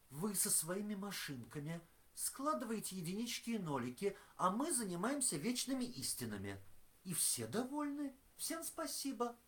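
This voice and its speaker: A woman voicing a pompous male philosopher, speaking for a union of thinkers with declamatory indignation. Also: mid-range voice. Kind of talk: audio drama acting.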